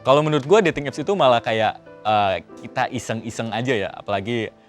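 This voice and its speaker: A man's voice: medium pitch, fast talker, soft background music. A man of twenty-one, a broadcasting student, talking casually with hesitant fillers. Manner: relaxed slangy talk with hesitant fillers. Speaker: panel guest, broadcasting student. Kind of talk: casual discussion.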